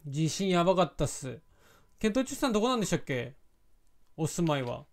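A man hosting a casual live stream, reading viewer comments aloud and chatting in a relaxed, thinking-out-loud way. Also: a little high, fairly quick.

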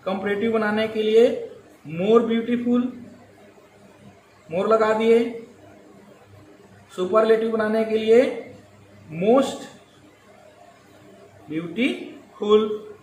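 A male teacher explaining English grammar slowly, repeating key words and drawing out his examples. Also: high-pitched, fairly even intonation, darkish tone. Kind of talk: grammar lesson. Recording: echoey room with faint ambient noise.

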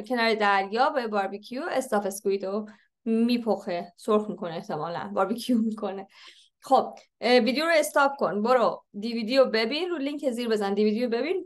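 A young woman teaching an English lesson in a slightly high voice. She reads English sentences slowly and deliberately, then explains them at a brisk, casual pace. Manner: switches between slow read-aloud English and quick explanations.

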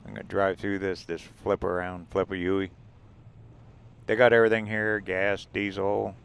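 His voice sits low and smooth, with vocal fry, at a moderate pace. This man vlogs about RV travel while driving through the desert, narrating in a relaxed, rambling way and noting the sights along the route.

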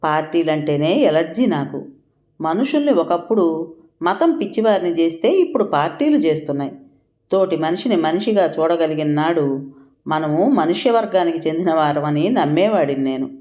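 A woman reading the part of an older village landlord who speaks in an unhurried, reflective way. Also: low-pitched, animated, warm tone, lo-fi sound. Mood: earnest.

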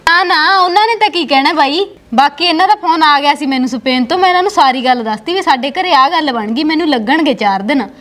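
An actress playing a worried, caring married sister. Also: female voice, high-pitched, lively intonation, quick pace, fairly bright tone. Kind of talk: village family drama acting.

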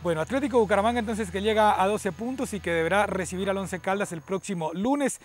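A man's voice: high voice, fast. A Colombian man co-hosting a football discussion outdoors, often repeating words and phrases as he analyses. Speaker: sports show co-host and analyst. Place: outdoors at night. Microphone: lapel mic, speaking through face mask.

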